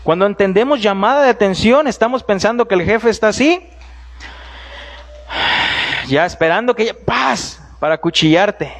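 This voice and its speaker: A man preacher giving a sermon in a church, animated and storytelling, with humorous asides and direct address to his listeners. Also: sits high, normal speed, long pauses.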